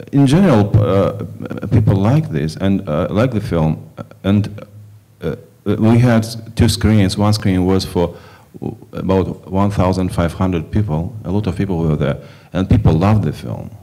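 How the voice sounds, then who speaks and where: Low, mellow-voiced halting man. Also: animated. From Kazakhstan. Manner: halting non-native English, many fillers and restarts. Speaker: film director. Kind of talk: festival Q&A answers. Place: film festival stage before an audience.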